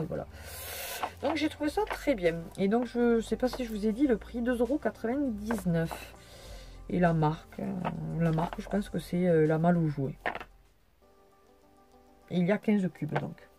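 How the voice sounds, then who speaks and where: A tired young woman chatting through a casual haul video, rambling and hesitant with many fillers. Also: lowish voice. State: tired, yawning. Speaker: vlogger.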